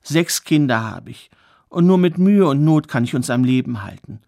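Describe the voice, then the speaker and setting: A weary, impoverished mother from a spoken fairy tale pours out her woes in a rushed, bitter complaint, voiced by a man. Her voice trails off low and heavy. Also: animated, vocal fry, warm tone, dry recording, clean studio sound. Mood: despairing. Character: poor mother of six, weary and despairing.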